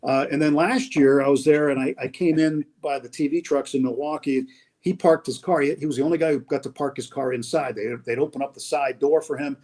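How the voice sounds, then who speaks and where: Fairly quick and steady in tone, this man's higher-pitched voice belongs to a radio announcer who calls games. Joining by video call as a guest, he shares casual anecdotes about colleagues, reminiscing warmly and restarting as he goes.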